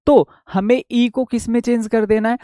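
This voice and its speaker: A man's voice: very high voice, fairly even intonation, normal speed, mellow, no echo, clean studio sound. A young man teaching English spelling rules in an online class, asking and answering his own questions and repeating key points.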